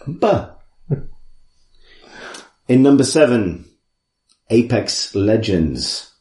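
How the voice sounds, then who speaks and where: A man co-hosting a podcast, reading out a list with jokes, swearing and frequent laughter, a little hoarse. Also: medium pitch, a little slow, warm tone. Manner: jokey, swearing, laughing often. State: losing his voice. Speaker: podcast co-host. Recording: roomy echo.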